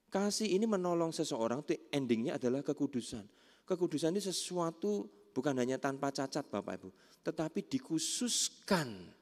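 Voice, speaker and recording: Brief: male pastor, chatty sermon delivery, mid-pitched, long hall reverb. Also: a little mellow. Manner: conversational, often addresses the congregation directly. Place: church hall.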